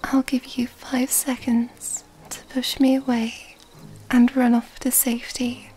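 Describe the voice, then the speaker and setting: In an ASMR roleplay, a woman plays a refined, predatory vampire lady, whispering breathily in a voice that is high yet soft and dark. She coaxes with predatory intent, very slowly and teasingly, in formal, old-fashioned, mysterious language. Her tone stays level, with a slight hiss or hum in the audio.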